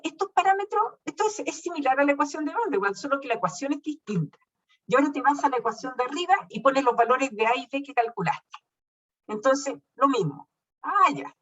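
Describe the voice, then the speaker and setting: A woman lecturing her class, reassuring and checking often that students follow. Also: high-pitched. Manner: reassuring, checks understanding with frequent "¿ya?". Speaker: university teacher. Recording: dull lo-fi sound from a distant mic.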